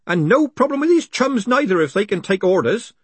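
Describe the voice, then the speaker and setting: A man's voice: high-pitched, very animated, brisk, breathy edge, no room sound, pitched above the performer's own voice, full character voice. A man voicing a curious, eager male postman asking wondering questions.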